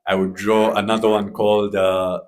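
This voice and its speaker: Relaxed Kenyan man, low-pitched. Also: normal speed. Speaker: comic artist guest. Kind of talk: panel discussion.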